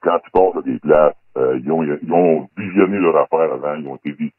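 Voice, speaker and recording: An anonymous man with a Québécois French accent speaks as a guest on a radio talk show. His voice is electronically disguised and pitched very deep, and he talks in a guarded, hesitant way with many fillers. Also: fairly quick, dry recording. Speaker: anonymous guest, former undercover federal police agent. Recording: dry, phone-like band-limited sound.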